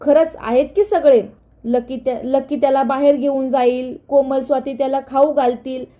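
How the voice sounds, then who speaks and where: Casual: woman voicing a teasing fun husband guy, high voice, dull lo-fi audio. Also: steady tone, moderate pace, natural voice. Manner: playful, teasing. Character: affectionate teasing young husband. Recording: dull lo-fi recording.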